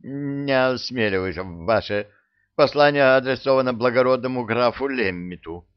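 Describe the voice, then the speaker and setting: A man's voice: medium pitch, moderate pace, clean tone, muffled recording, pitched above the performer's own voice, close to an everyday voice. A man voicing a lanky, haughty, easily flustered court official who splutters and stammers in an audiobook. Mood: cowed, stammering.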